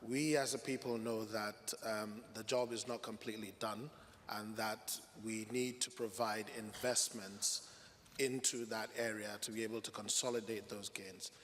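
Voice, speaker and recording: A man's voice: lowish voice, fairly even intonation, measured pace, fairly bright tone. A man from Nigeria asking an earnest question from the audience, with some fillers. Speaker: audience member. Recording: reverberant hall with faint noise.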